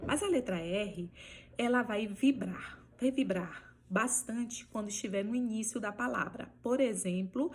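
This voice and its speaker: Husky-voiced Brazilian woman teaching. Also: on the high side. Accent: Brazilian Portuguese. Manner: patient, checks in often with short tags; slows down to model pronunciation. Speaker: Spanish teacher. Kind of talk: online language lesson.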